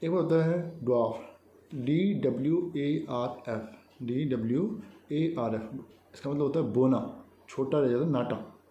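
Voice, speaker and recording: A man teaching English vocabulary, explaining each word and spelling it out letter by letter in a calm lecture. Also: mid-range voice, unhurried, lo-fi sound. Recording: echoey room with faint ambient noise.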